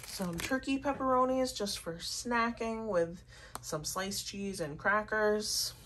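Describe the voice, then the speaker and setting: A young American woman narrates a casual vlog from her kitchen table at home, chatty and rambling. Her mid-range voice is a bit bright and she takes it slowly. The handheld home recording has clear background noise.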